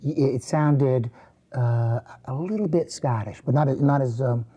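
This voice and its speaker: A man's voice: medium pitch, warm tone, husky. An older man with an American accent, recalling his childhood in an oral history interview, talking in a rambling way with frequent restarts. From born in England, raised in the US. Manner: rambling, halting reminiscence with many restarts. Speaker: interviewee, retired teacher.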